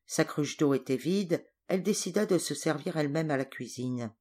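A woman narrating a story for an audiobook in a measured, clear reading voice. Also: low-pitched, mellow. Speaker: audiobook reader. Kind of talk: scripted narration.

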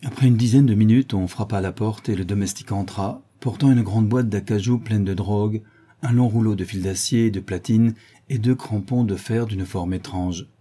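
A man narrating a classic novel in a measured, dramatic reading. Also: lowish voice, mellow, slightly rough. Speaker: audiobook narrator. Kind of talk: scripted narration.

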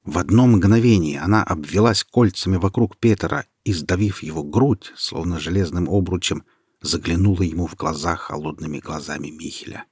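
A man reads a fairy tale aloud with steady, expressive narration. His voice is husky and low-pitched. The recording is dry and close. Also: normal speed, no room sound. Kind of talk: storybook reading.

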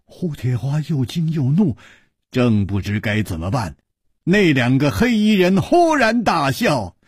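A man narrating a martial-arts story with vivid, dramatic flair. His husky voice swings widely in pitch, and the sound is dry and close. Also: sing-song, measured pace, no room sound. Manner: vivid, wide-ranging dramatic delivery.

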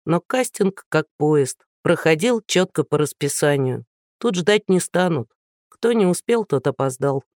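Man with a higher voice reading a story. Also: lively intonation, a little slow, dry recording, clean studio sound. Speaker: audiobook narrator. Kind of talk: scripted narration.

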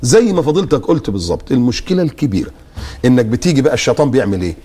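A man with an Egyptian accent, a guest preacher giving animated commentary and mock-quoting his opponents. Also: mid-range voice, rapid-fire, slightly rough. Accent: Egyptian Arabic. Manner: lively, mock-quotes opponents. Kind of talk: animated religious talk-show commentary.

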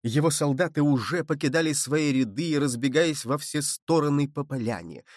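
A man's voice: on the high side, animated, moderate pace, dry recording, studio quality. Man narrating a dramatic audiobook.

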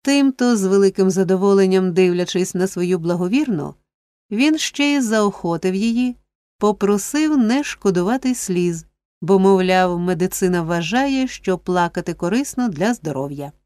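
A woman narrating a classic novel as an audiobook, measured and expressive. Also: mid-range voice, no room sound. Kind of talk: scripted literary narration.

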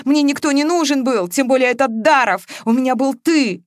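A woman's voice: on the high side, expressive, normal speed, no echo, studio quality, voice pushed up, close to an everyday voice. A woman reading a story, voicing a young woman who protests through sobs that she never lied. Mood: tearful indignant. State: sobbing. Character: young woman, tearful and indignant.

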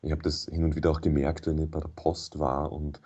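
With a rumbling low, darkish voice and a flat delivery, this native German-speaking radio guest gives thoughtful, measured explanations, often hesitating. A little hiss or hum can be heard.

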